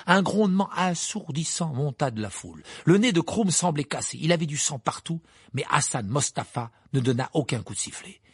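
Expressive husky male audiobook narrator. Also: fairly high pitch, normal speed, dry recording, studio quality. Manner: expressive, animated reading. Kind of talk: scripted narration.

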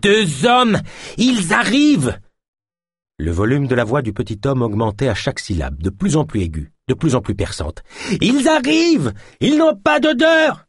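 Shrill, panicked little man, twitchy and scared, voiced by a male audiobook narrator, husky edge, dry sound. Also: very animated, a little fast, hardly any pauses, a little mellow, dry recording. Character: small frightened man, twitchy, shrieking. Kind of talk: audiobook character voice.

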